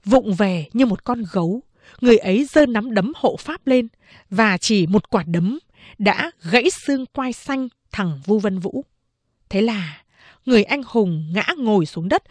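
Slow, measured woman narrating a novel. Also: mid-range voice, darkish tone, no echo. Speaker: audiobook narrator.

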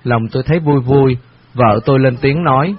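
A man tells a memoir story in a calm, reflective storytelling voice of ordinary pitch. The recording is dull and lo-fi, as on radio. Soft music plays behind him. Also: a little fast, husky. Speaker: narrator.

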